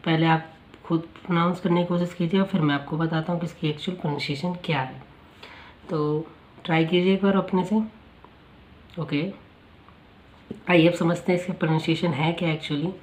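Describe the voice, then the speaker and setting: A male teacher explaining a spoken-English lesson in Hindi, asking the class rhetorical questions and repeating each word slowly for pronunciation practice. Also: fairly high pitch, echoey room, slight background noise, low-quality recording.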